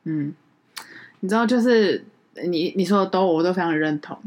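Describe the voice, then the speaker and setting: A woman co-hosting a podcast in casual chat, telling a story in an animated way and acting out what others said. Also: on the low side, normal speed. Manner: animated storyteller, acts out quoted people. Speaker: podcast co-host.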